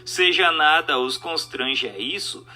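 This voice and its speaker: A man with a Brazilian accent narrates a scripted spiritist text in an emphatic, declamatory, didactic manner, with music playing beneath his voice. His voice is on the high side, pushed and bright, at a measured pace.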